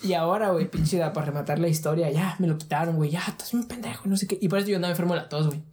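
A man's voice: fairly high pitch, racing, a little mellow. A man with a Mexican accent casually telling a story from his childhood in slangy, rambling chat, dropping fillers into every phrase.

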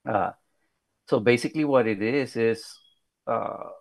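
Speaking unhurriedly at medium pitch with some vocal fry, a modest, soft-spoken South Texas political candidate in his thirties, a native Spanish speaker with a Spanish accent, gives a hesitant podcast interview with many fillers and restarts. There's no room sound.

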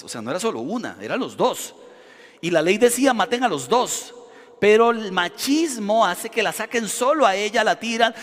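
A man preaching a sermon as a pastor, animated and acting out shouting crowds. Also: high-pitched. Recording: long hall reverb.

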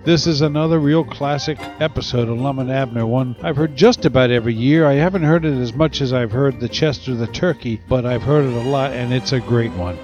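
Folksy male radio host over music. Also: mid-range voice. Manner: folksy, rambling, chuckling. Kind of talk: casual chatty radio presentation. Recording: dull sound with music behind.

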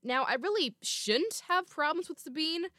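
Expressive and sharp-toned, a young woman reads scripted material at a normal speed for her solo podcast, breaking into small laughs here and there. Her female voice is naturally lower. The home microphone captures clean, dry, studio-like sound.

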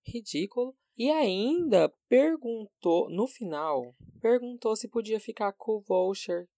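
A man's voice: high-pitched, expressive, unhurried, warm tone, no echo, clean studio sound. A man from Brazil with a Brazilian Portuguese accent, co-hosting a casual chat in a dramatic, emphatic and teasing way.

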